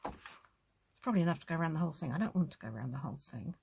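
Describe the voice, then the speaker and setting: Husky woman, chatty crafting. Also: low voice, lively intonation, racing, a little mellow. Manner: chatty, thinking aloud while working. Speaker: crafting tutorial host. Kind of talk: casual crafting tutorial.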